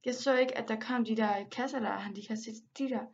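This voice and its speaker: A young woman chatting over a game she is playing. She sounds excitable and is quick to exclaim and grumble, with English slang dropped in. Her voice sits a little high, and the home mic sounds dull and lo-fi. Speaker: gaming vlogger. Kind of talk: casual gameplay commentary.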